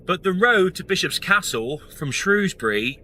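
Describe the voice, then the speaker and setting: Bright-voiced man chatting while driving. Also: high voice, big pitch swings, normal speed, a little hiss or hum, low-quality recording. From Shropshire, England. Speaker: vlogger. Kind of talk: casual travel vlog. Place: inside a moving van.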